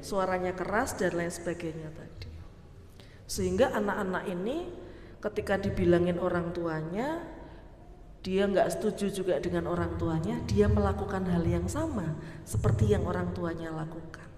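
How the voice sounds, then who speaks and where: A woman's voice: fairly low pitch, moderate pace, dark tone, a little hiss or hum. A middle-aged woman gives a parenting talk at a mosque, often quizzing her listeners with either-or questions. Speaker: parenting speaker. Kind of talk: religious study talk on parenting. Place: mosque hall. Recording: echoey hall with faint ambience.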